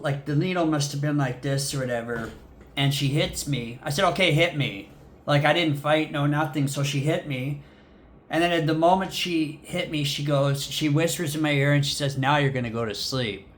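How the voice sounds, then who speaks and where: A man's voice: a little high, fairly bright tone, a little hiss or hum. Rambling, swearing man telling a story. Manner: rambling, full of fillers and swearing. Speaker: vlogger. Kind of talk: casual storytelling to camera.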